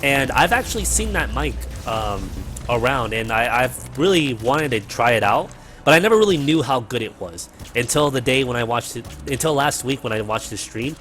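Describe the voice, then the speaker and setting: A man's voice: mid-range voice, lively intonation, moderate pace, fairly bright tone, soft background music. A man hosting a gaming livestream from his apartment, chatting casually and rambling with fillers and the odd swear word, his cheap mic close to his mouth. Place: home apartment.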